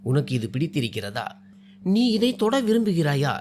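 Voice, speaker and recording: A man's voice: on the high side, very animated, moderate pace, darkish tone, slight background noise. A man voicing a charming, possessive young groom. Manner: teasing, coaxing, turns cold and threatening.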